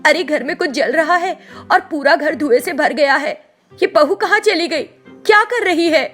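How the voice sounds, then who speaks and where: A woman's voice: high voice, normal speed, faint music behind. A woman voicing a scolding middle-aged mother-in-law in a storybook cartoon. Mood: angry. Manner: shouting, scolding.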